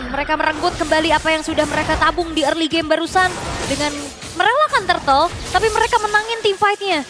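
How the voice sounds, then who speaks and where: An Indonesian woman with a high voice commentates a live game over clearly audible music. She is animated and conversational, analysing play and dropping in English gaming jargon. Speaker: esports commentator.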